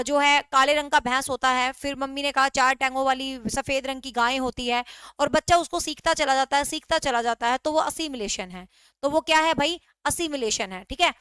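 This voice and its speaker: A woman's voice: high-pitched, sharp tone, no echo. A woman teacher giving an online class lecture, often asking questions and answering them herself, and mixing English words into her teaching. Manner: repetitive quizzing, mixes in English words.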